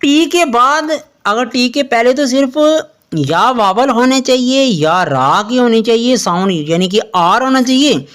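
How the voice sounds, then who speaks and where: A woman teaching English pronunciation in Hindi, spelling out letters slowly and asking the listener questions as she explains. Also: medium pitch. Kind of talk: explanatory lesson.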